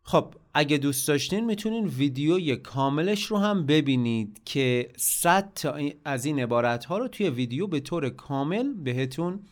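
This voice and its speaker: A man teaching English. He says each example phrase slowly and carefully, then explains it in a relaxed, casual way. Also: on the high side. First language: Persian. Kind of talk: language lesson with slow example phrases.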